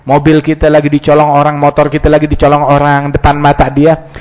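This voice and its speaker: A man preaching an Islamic sermon. He tells it as an animated story, acts out the dialogues, and mixes Arabic quotations with slang. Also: a little high, fast. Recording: dull lo-fi sound with long hall reverb.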